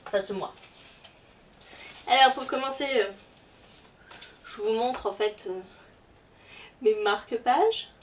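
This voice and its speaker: This book vlogger's voice is on the high side, her pace slow, with frequent pauses. She chats through a casual book haul, hesitant and heavy on fillers. A distant mic picks her up along with faint background noise.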